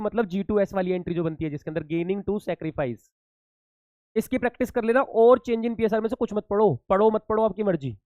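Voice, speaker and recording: A man's voice: high-pitched, warm tone, no echo. A man teaching commerce students in a casual exam-tips lesson, chatty and reassuring, calling them beta.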